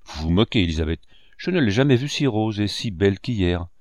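A man playing a grief-stricken old painter in an audiobook tale, breaking into frantic, pleading outbursts above his usual low voice. Dry, close recording. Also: lively intonation, brisk, a little mellow, no room sound, natural voice. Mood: puzzled.

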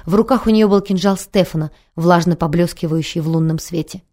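A woman narrating an audiobook in a calm, measured reading. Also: lowish voice.

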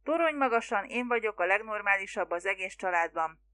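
Brief: a woman voicing a lofty, sarcastic elder brother, bright tone, storybook reading. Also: mid-range voice, animated, no echo. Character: pompous young man, sarcastic elder brother.

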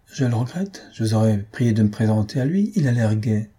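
A man voicing a timid, lovestruck young pharmacy student who speaks in an eager hush. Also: lowish voice, lively intonation, brisk, breathy edge. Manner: hushed, eager, easily thrown.

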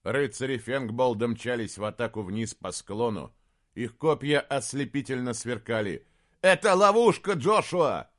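A man narrating a fantasy audiobook in a steady, even reading voice. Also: mid-range voice. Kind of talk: scripted narration.

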